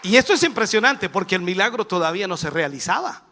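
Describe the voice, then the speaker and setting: A man with a Chilean accent preaching a televised sermon as a bishop, dramatic and animated, dropping to a hush and then rising to a shout. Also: high voice, fast talker, a faint crowd. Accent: Chilean Spanish.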